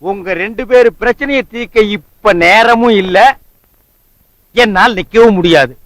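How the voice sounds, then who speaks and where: A mocking drunken husband. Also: male voice, high voice, measured pace, no echo, low-quality recording. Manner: sarcastic, mocking, loud insults. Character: boastful drunken broke husband, sharp-tongued. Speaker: comic actor. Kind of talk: film comedy dialogue.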